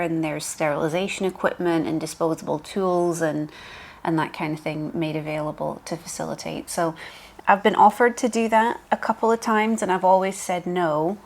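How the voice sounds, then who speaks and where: A woman co-hosting a podcast as a professional piercer, explaining steadily with frequent ums. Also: lowish voice. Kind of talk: casual chat.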